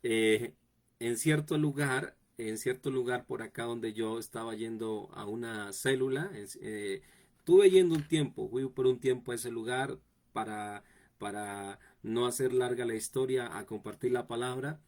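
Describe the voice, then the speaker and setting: A man's voice: medium pitch, measured pace, a little mellow. A man, a pastor teaching a sermon, repeating phrases and speaking straight to his listeners. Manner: repetitive, direct address to the congregation.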